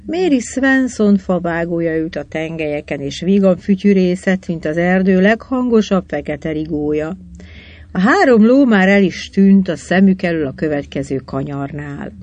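A narrator reading a children's adventure novel aloud, telling it evenly and lifting the voice for the characters' lines. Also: dull audio. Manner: even storytelling, quotes read with raised pitch. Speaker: audiobook narrator.

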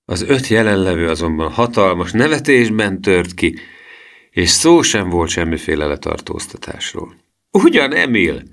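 Deep guy narrating a kids' story, lots of expression, voice swings around. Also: animated, a bit bright. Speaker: audiobook narrator. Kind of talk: storybook reading.

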